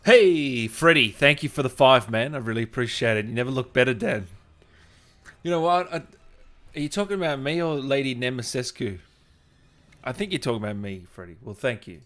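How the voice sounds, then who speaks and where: Animated and fairly quick, this man's mid-range voice has a fairly bright tone. As a livestream host reading viewer comments, he banters casually and jokingly with his audience like a mate.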